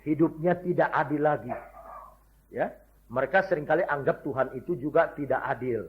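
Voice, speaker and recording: A man preaching a lively sermon full of humorous stories, jumping from loud shouts to hushed asides and acting out the people he quotes. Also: a little high, normal speed, a little hiss or hum. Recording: dull lo-fi recording.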